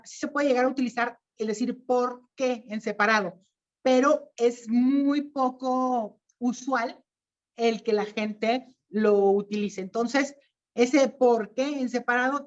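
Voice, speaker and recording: Woman, teacher, explanatory, repeats examples, lo-fi video call. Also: fairly high pitch. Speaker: writing workshop teacher. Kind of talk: online class lecture.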